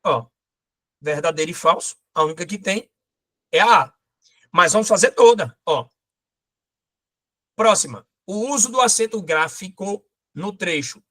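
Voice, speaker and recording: A man teaching a lively exam-prep grammar lesson, pointing things out as he goes. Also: high-pitched, measured pace, pauses often.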